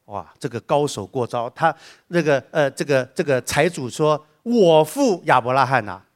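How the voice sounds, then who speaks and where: A man preaching a sermon, joking with the congregation and acting out the voices of the people he quotes. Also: normal speed. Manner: lively, acts out quoted voices with big pitch jumps; humorous asides with laughter.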